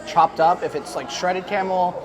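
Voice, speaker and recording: A man casually reviewing food like a vlogger, giving measured, slightly halting judgments in an informal way. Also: sits high, music in the background. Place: outdoors at a theme park. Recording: outdoor vlog amid crowd noise. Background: crowd noise.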